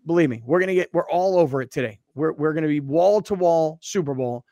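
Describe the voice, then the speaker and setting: Energetic male sports radio host. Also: a little high, fast, dry recording. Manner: energetic, conversational.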